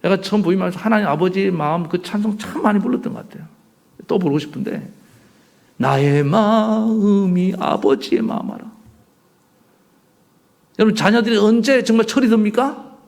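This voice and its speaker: A male pastor delivering a sermon, swinging between soft near-whispers and loud outbursts. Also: high voice, quick pace.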